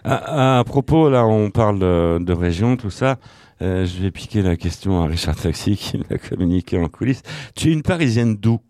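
Low-voiced radio host, dry studio. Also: male voice, lively intonation, moderate pace, darkish tone, no room sound. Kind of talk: radio interview.

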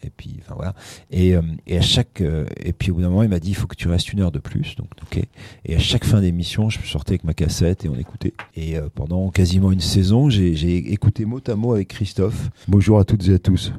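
A man's voice: low voice, fast talker, darkish tone, breathy edge, dry recording. A middle-aged man, a radio host, telling career anecdotes in casual interview chat with frequent restarts. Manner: anecdotal storytelling with many restarts.

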